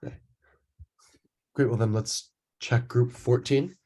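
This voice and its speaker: A man's voice: medium pitch, fairly even intonation, measured pace, mellow. A man casually moderating an online class session as its host.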